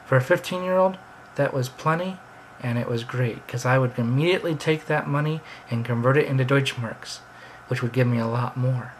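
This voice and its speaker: A man's voice: medium pitch, moderate pace, slight background noise, low-quality recording. An American man telling rambling, chatty stories in a casual monologue. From United States. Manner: rambling, chatty, drifting between anecdotes. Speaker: vlogger.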